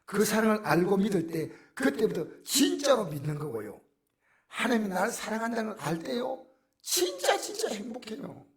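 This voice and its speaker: Gravelly, animated pastor. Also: male voice, high-pitched, moderate pace. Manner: dramatic, swinging from hushed near-whispers to loud exclamations. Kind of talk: sermon.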